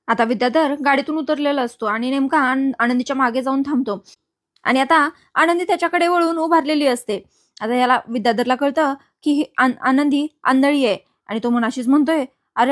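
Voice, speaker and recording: A woman narrating a recap of a TV serial in a casual storytelling way. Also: high-pitched. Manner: steady retelling, small restarts.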